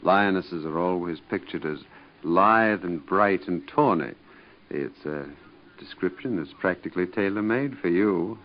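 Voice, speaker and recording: Very deep-voiced courtly English lord. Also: male voice, unhurried. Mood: teasing, affectionate. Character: devoted, titled English lord and husband, determined and wry. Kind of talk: 1940s radio soap acting. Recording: dull, band-limited vintage radio recording.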